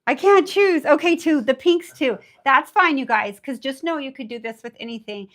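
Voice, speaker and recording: A woman with a raspy voice, under the weather, teaching nail art in a bubbly, chatty live tutorial. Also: sits high, lively intonation, moderate pace, fairly bright tone. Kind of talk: casual live tutorial chat.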